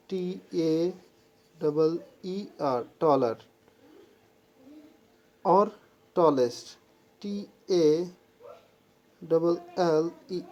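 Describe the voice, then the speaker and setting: A woman with a lowish, dark voice gives a classroom-style English grammar lesson, mixing Hindi and English and spelling words out letter by letter. When reading English rules she slows down and halts. The audio is dull.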